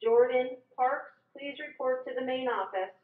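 A woman from the office making a slow, even paging announcement over a school intercom loudspeaker, heard from across a classroom. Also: high voice. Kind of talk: public address announcement. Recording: tinny echoey intercom speaker from far off.

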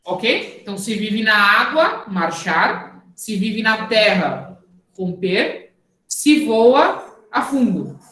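A Brazilian woman with a slightly high voice teaches a fencing class online. She explains concepts patiently, then calls out drill commands. The sound is roomy and echoey, as if recorded on a camera mic in an open hall. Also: very animated, takes it slowly, fairly bright tone. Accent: Brazilian Portuguese. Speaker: fencing coach. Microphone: camera mic, moving away at times. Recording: echoey room.

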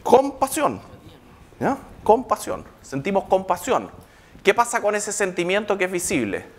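A man lectures to a live audience. He keeps checking in with the room, asking rhetorical questions and pausing for replies. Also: high voice, big pitch swings, a little hiss or hum.

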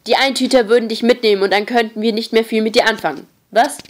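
A woman reading an audiobook, voicing a gruff, bossy teenage boy who leads the group and barks orders loudly. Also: mid-range voice, normal speed, lightly acted. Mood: angry. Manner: loud, barking orders.

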